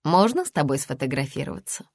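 A woman's voice: a bass voice, big pitch swings, fast talker, a little mellow, dry recording, studio quality, heavily acted. A woman voicing a smarmy, pushy young man making advances.

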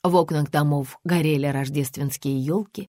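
A woman narrating an audiobook in an even, measured reading. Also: deep voice, no room sound, clean studio sound. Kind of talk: scripted narration.

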